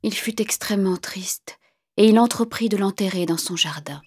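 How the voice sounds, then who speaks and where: A woman narrating a fairy tale in a calm, measured voice that sometimes drops to a hushed whisper. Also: mid-range voice. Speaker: storyteller. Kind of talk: storybook narration. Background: faint music.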